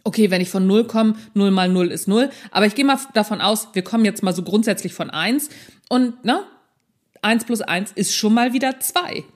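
A woman hosting her own podcast, reading parts of a prepared text and breaking off into chatty, joking asides, with lively stress and changing pace. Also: medium pitch, moderate pace. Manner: lively, stresses key words, shifts pace often. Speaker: podcast host. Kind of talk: solo podcast talk, half read, half ad-libbed.

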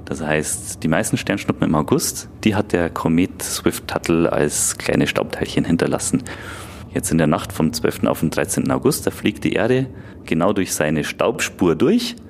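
Male expert for children's radio: very low pitch, animated intonation, simple conversational explanations. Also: moderate pace, vocal fry, a little hiss or hum. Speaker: observatory expert guest.

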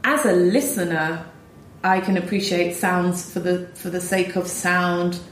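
A woman's voice: lowish voice, steady tone, measured pace, slight background noise. Reflective woman composer, roomy sound. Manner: thoughtful, with frequent ums and restarts. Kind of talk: reflective conversation. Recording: roomy echo.

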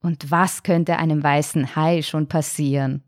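A woman's voice: sits low, steady tone, measured pace, no echo, studio quality. Woman doing a proud, boastful father shark. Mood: proud musing. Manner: gruff, grumbling, self-assured.

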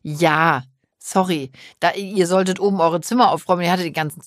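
A woman's voice: on the low side, steady tone, fairly quick, no echo, clean studio sound. A middle-aged woman, a mother, chatting casually with her daughter and teasing her with frequent laughs. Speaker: mother and podcast co-host. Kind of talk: casual family chat.

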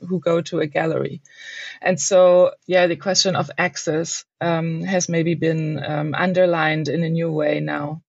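A woman panelist talks in a gravelly, hesitant way, pausing often and filling gaps with ums. The sound is dry and close, but dull and lo-fi. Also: on the low side, darkish tone, dry recording. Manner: hesitant, many pauses and ums. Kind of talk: panel discussion.

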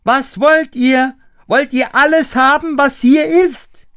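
A man voicing a tiny, cheeky thumb-sized boy in a storybook reading, high and piping. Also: fairly even intonation, slow, no room sound, clean studio sound, full character voice. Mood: shouting. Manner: high, piping and shrill when shouting.

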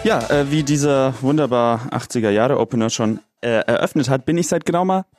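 Deadpan young man, lots of fillers. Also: mid-range voice, fairly quick, over music.

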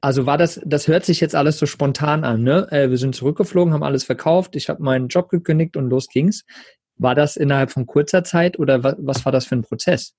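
A man's voice: on the high side, a little fast, a little mellow, slightly rough, no echo, studio quality. Enthusiastic man co-hosting a podcast. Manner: enthusiastic, slangy. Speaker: podcast co-host. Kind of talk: casual podcast interview.

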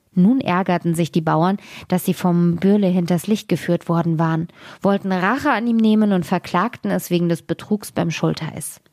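A woman narrates a fairy tale in a calm, measured reading voice. Her pitch sits low. She is recorded close on a studio microphone, with a dry sound and no room echo. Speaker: storyteller.

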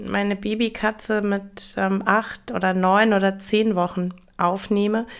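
A woman hosting a podcast, explaining calmly and reassuringly, with frequent hesitations and filler sounds. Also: mid-range voice, gravelly. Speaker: podcast host. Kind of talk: casual explanatory podcast monologue.

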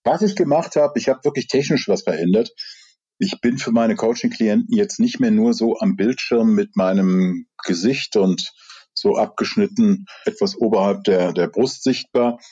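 A man from the Rhineland speaks with a low, mellow voice that carries a husky edge. He sounds measured and candid, like a coach thinking aloud. His audio comes through a dull, lo-fi video-call line. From Rhineland, Germany. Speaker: executive coach. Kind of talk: conversational interview over video call.

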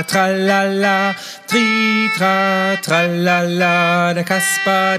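A man's voice: fairly high pitch, voice pushed up, exaggerated voice. A man voicing a cheerful puppet clown who hosts a children's podcast in an exclaiming, sing-song kids show manner. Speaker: podcast host.

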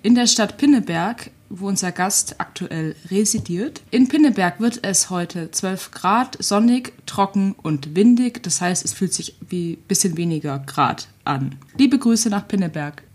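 A woman's voice: mid-range voice, lively intonation, unhurried, hardly any pauses, a little mellow, husky. A woman reading a short weather report in a plain, matter-of-fact way. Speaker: weather presenter.

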